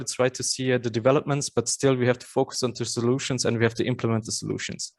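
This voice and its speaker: Austrian man giving a conference talk. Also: mid-range voice. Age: 30s. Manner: earnest, with frequent fillers and restarts. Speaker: conference speaker. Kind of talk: conference presentation.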